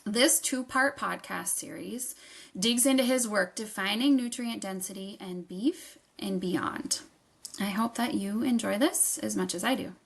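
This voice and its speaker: A woman's voice: medium pitch, a little slow, vocal fry, fairly bright tone, husky. A woman reading a scripted podcast introduction in a polished, upbeat manner. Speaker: show announcer.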